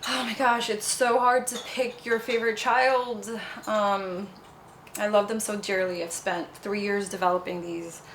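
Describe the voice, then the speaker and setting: A woman's voice: mid-range voice, steady tone, measured pace, fairly bright tone, a little hiss or hum, rough recording. Chatty young woman founder, bubbly. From Nepal. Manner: bubbly, chatty, fond of fillers like "you know". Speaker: cosmetics brand founder. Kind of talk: casual interview answers.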